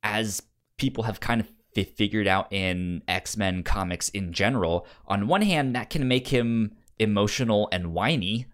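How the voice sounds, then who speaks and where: A deep-voiced podcast co-host talks casually about comics, halting often and repeating or tripping over his words.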